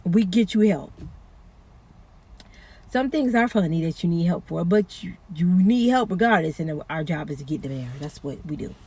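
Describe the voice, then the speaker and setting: A woman's voice: fairly low pitch, animated, moderate pace, a little mellow, breathy edge. Chatty woman dispatcher. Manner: chatty, earnest, warns listeners with pleading repetition. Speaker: 911 dispatcher. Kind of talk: casual talk to camera.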